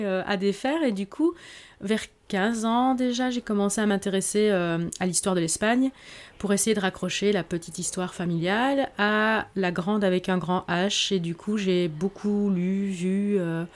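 A woman's voice: mid-range voice, measured pace. Reflective woman. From Belgium. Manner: reflective, hesitant with frequent fillers. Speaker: author guest. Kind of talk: podcast interview.

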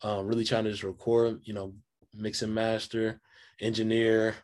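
On a video call, a young man who is a guest musician gives a loose, casual interview, rambling and leaning on fillers. He has a lowish, a little mellow voice, a flat delivery and a normal speed.

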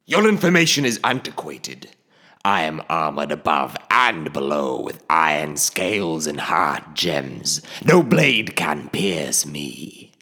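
A man voicing a deep, boastful old dragon. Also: sing-song, sharp tone, in a large hall, exaggerated voice. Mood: haughty. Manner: slow, grandiose, swelling to sudden booming lines. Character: ancient, huge, boastful male dragon. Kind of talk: audiobook character reading.

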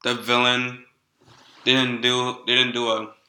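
A man's voice: medium pitch, completely flat delivery, measured pace, bright, forceful tone, echoey room, low-quality recording. A man chatting casually about movies in a laid-back, slangy way.

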